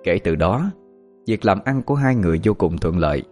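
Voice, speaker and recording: A man narrating a ghost story in an expressive, steady way. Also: sits low, fairly quick, soft background music.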